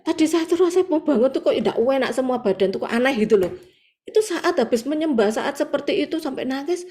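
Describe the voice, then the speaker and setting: A woman with a Javanese accent tells a church testimony over a video call, acting out quotes and exclaiming as she goes. Her voice sits fairly high but sounds mellow and warm. It is an earnest, vivid spoken story. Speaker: church member giving testimony. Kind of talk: personal testimony at an online prayer meeting.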